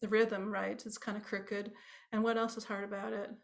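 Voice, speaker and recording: Over a video call, a woman leads a harp workshop in a chatty, conversational manner, quizzing her class with little tag questions along the way. Her voice is medium-pitched with a level tone, moderate pace and some vocal fry, and harp playing can be heard in the background.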